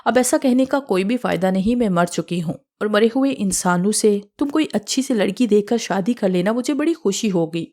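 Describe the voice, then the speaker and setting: A woman's voice: mid-range voice, animated, few pauses, a little mellow, close to an everyday voice. A woman voicing the vengeful ghost of a young woman in an audiobook horror story, read dramatically. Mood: tender.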